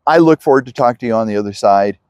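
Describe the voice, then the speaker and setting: A male host speaks with lots of rise and fall in his pitch and an upbeat manner. The sound is dry, with no room echo. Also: expressive, very fast, darkish tone. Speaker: interviewer and show host. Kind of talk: casual video interview.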